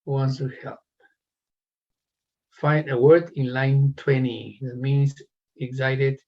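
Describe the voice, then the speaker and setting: A man's voice: medium pitch, steady tone, slow, muffled recording. A man teaching an English class, encouraging students and calling on them by name.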